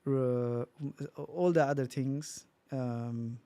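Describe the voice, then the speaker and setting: A man's voice: medium pitch, extremely slow, dark tone, clear, resonant tone, no echo. Bangladeshi man hosting a casual podcast. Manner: hesitant, many fillers and restarts. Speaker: podcast co-host.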